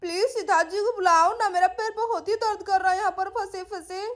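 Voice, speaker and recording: A woman's voice: extremely high pitch, steady tone, fairly quick. A woman voicing a clumsy young woman in a doll-play story, whiny and pleading.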